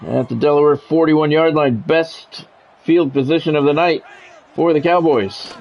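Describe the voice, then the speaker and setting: Vocal fry marks this American man's slightly high voice as he calls football play-by-play on his gaming stream at a moderate pace, mixing in casual talk. He used to do radio sports play-by-play, and the sound is lo-fi.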